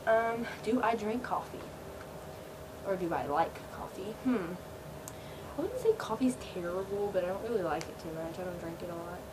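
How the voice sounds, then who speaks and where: Speaking expressively at a normal pace, a teenage girl answers questions in a casual Q&A vlog from her small bedroom. She's laid-back, leans on fillers, and often trails off. Her built-in webcam mic picks up quiet, low-volume sound with heavy hiss.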